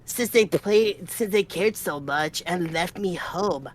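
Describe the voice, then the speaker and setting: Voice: mid-range voice, slow, a little hiss or hum, lightly acted. A streamer voicing a nerdy, snobbish, grumpy boy with a lisp and a nasal, snotty tone, whining and complaining. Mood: ranting. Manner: whiny, irritable complaining. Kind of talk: voicing a character in a story game.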